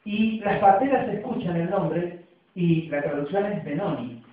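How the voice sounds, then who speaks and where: An Argentine man preaches with a high voice, talking conversationally and checking in with his listeners through frequent tag questions. He is heard from far off in a very echoey church, through a thin, phone-like sound. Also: measured pace. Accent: Argentine Spanish. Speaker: pastor. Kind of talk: sermon.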